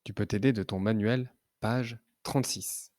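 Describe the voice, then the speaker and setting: A man gives a children's reading lesson, pronouncing each syllable slowly and with great care. His voice is rather low and is recorded very dry, with no room sound. He asks simple questions in the patient tone of a teacher. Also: fairly even intonation, a little mellow, no echo. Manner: slow, clearly articulated syllables.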